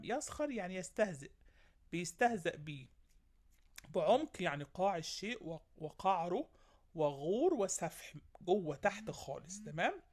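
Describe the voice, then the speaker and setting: Egyptian lady teacher going through word meanings for little kids, keeps asking if they got it. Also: fairly low pitch. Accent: Egyptian Arabic. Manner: lists synonyms and checks in with young pupils. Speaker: primary school teacher. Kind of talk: vocabulary lesson for children.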